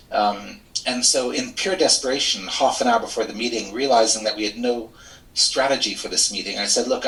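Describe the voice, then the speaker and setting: A middle-aged man from Switzerland speaks in a low, crisp and bright voice, telling his story with candid, self-deprecating ease. He sits well back from the microphone on a video call. The room rings with echo around him. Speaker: interviewee, lawyer and mediator. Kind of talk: reflective interview storytelling. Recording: echoey room, distant from mic.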